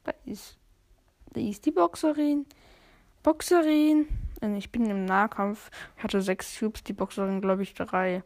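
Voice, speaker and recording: A woman's voice: medium pitch, a little slow, darkish tone. A woman giving casual, chatty let's play commentary, thinking aloud in slangy language as the game goes. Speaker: gamer commentating own play.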